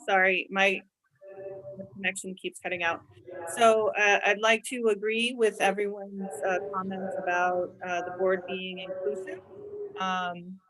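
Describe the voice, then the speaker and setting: A woman's voice: medium pitch, low-quality recording. A woman giving a hesitant public comment on a video call, her connection cutting out. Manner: hesitant, many fillers, slow and even. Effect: glitchy video call connection that keeps cutting out. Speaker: public commenter at a board meeting.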